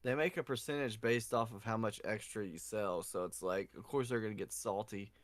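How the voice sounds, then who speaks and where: A young man co-hosting a casual podcast, telling animated stories and cussing freely. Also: on the low side, fairly quick, dry recording. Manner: animated storyteller, cusses freely, acts out quotes. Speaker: podcast co-host. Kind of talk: casual drunken storytelling chat.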